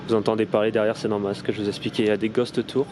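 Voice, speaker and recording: A man's voice: fairly low pitch, level tone, noisy background. Rambling French-accented man vlogging outdoors. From France. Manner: rambling and self-correcting, slow and polite when calling out to spirits. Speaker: paranormal investigator vlogger. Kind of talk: casual vlog. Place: outdoor cemetery in a city. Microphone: phone.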